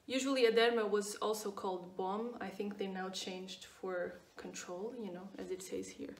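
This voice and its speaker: A Portuguese skincare vlogger, aged 29, chats in accented English about her routine at a moderate pace, her mid-range voice fairly even. It's a casual product review full of fillers and repeated words. She's recorded from a distance in an echoey room, with slight background noise and her voice off-mic.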